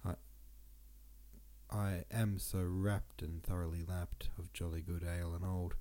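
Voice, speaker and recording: Low-pitched and unhurried, a male podcaster works through old poems, reading the verse aloud and tossing in laid-back remarks. His nose is stuffy and he sniffles, and the whole thing is an easygoing mix of reading and commentary.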